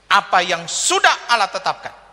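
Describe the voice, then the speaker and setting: Man, pastor, sermon, funny anecdotes, acted-out quotes, very bright tone, echoing hall. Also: high-pitched, very animated, normal speed. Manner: humorous storytelling with acted quotes. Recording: long hall reverb.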